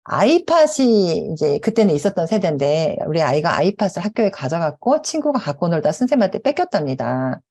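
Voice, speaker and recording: Animated middle-aged woman telling stories. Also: lowish voice, brisk, few pauses. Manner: animated storytelling with acted quotes. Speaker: conference speaker. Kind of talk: conference talk. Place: conference hall.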